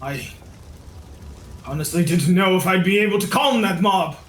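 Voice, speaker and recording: A man's voice: high voice, fairly bright tone. A man as a weary noble reporting. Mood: grave. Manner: measured, formal.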